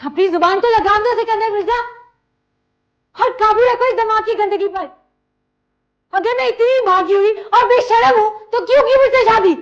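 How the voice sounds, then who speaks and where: A woman's voice: mid-range voice, lively intonation, a little slow, pauses often, darkish tone, muffled recording, lightly acted. An actress playing a young wife buried alive by her husband, speaking emotionally in a TV horror drama. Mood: furious. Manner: emotional, pleading then defiant.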